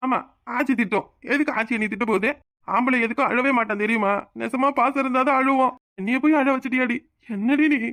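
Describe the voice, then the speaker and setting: A woman's voice: sits high, fairly bright tone, dry recording, clean studio sound. [name], a woman voicing a tearful village husband. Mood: earnest. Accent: Tirunelveli Tamil. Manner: tearful, pleading, quick to flare up. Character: young village man, devoted emotional husband. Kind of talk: cartoon voice acting.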